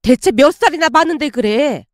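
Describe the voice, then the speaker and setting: Anxious, scolding middle-aged mother, voiced by a woman; high, dry read. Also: animated, moderate pace, dry recording. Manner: nagging, worried.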